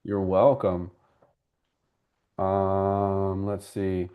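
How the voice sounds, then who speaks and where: A man's voice: sits low, monotone, very slow, narrow, tinny audio. A man hosting a live homebuyer class as a mortgage broker, explaining things conversationally and answering viewers by name. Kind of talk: live class with audience questions.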